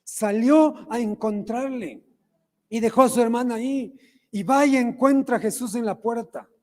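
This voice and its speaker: A pastor with an Ecuadorian accent preaches a sermon in a high, ringing voice, often turning to ask the congregation questions. His words trail off into the long echo of a church hall. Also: normal speed, a little mellow. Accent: Ecuadorian Spanish. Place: church sanctuary.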